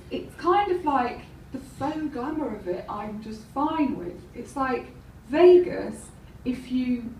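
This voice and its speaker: Woman stand-up comic, slightly high voice, unhurried delivery, chuckles at her own jokes, roomy live sound. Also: slight background noise. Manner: wry, anecdotal, laughs at her own jokes. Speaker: stand-up comedian. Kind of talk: stand-up comedy set. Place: live comedy venue. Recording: roomy, distant mic with faint ambience.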